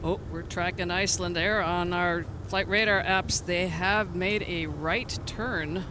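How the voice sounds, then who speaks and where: A man's voice: high-pitched, fairly even intonation, a little slow. A man chatting casually as co-host of an outdoor aviation live stream. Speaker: livestream co-host. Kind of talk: casual chat and commentary. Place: outdoors near an airport. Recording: outdoor airfield with clear background noise.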